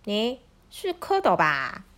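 A woman voicing an arrogant male goose in a children's story, speaking in a condescending, drawn-out way. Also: medium pitch, huge pitch swings, a bit bright, a little hiss or hum, full character voice. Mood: haughty.

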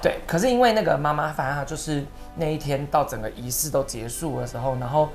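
A woman guest telling stories in an interview, animated and emotional, sometimes tearful. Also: sits low, fast, faint music behind. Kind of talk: storytelling interview.

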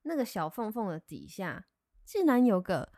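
A woman with a Taiwanese Mandarin accent, telling a story in casual, expressive chat as a co-host. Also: mid-range voice, normal speed, no echo, studio quality.

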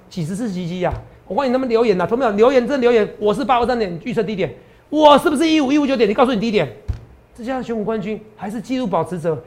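Hoarse, boastful man talking fast and high. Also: a little mellow. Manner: boastful, emphatic, rhetorical questions. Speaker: stock market analyst host. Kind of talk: promotional market commentary.

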